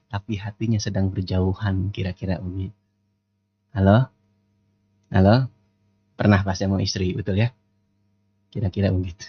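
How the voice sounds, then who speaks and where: A man's voice: lowish voice, highs cut off. A man giving a casual sermon, joking and putting questions to his audience. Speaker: preacher.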